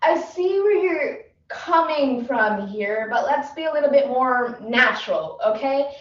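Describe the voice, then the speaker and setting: Brief: impatient casting director, played by a woman, deliberate and dry, dull distant sound. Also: sits high, expressive. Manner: clipped, dry, quick instructions. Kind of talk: competitive humorous interpretation. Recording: echoey room, distant mic, dull sound.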